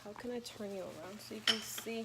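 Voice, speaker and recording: Filmed on a handheld phone camera with heavy background noise, a woman gives a casual cooking tutorial from her home kitchen. She talks fairly quickly in a mid-range voice, chatting as she cooks and fixing her own slips along the way.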